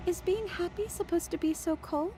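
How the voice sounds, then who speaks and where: A woman playing a gentle, wondering young princess in a video game. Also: very high voice, moderate pace, a little hiss or hum. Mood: tender, wondering. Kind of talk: video game character acting.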